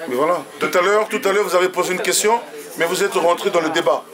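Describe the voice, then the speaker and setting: Man, meeting moderator, halting and rambling, high pitch, heavy crowd noise. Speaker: event moderator.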